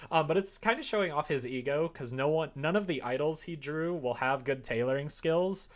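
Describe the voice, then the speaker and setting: His voice sits a little high and moves fairly quickly. At a computer desk indoors, he streams himself developing a game, chatting casually and musing aloud in a playful, wandering way while he works.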